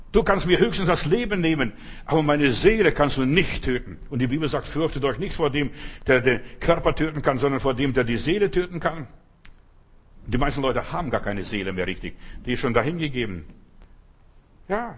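Husky man preaching a sermon. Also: fairly high pitch. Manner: emphatic, full of rhetorical questions. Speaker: pastor.

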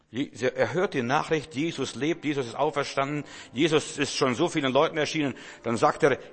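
A man delivers a sermon in a slightly higher voice, pressing his points and repeating words as he speaks straight to his listeners. His voice rings through a reverberant church hall. Faint music plays behind him. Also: a bit bright. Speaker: preacher.

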